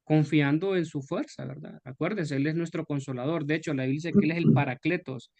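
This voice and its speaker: A man's voice: fairly high pitch, brisk, gravelly, a little mellow, no room sound. A man, a pastor, leading a Bible study discussion in a conversational way and asking the group questions.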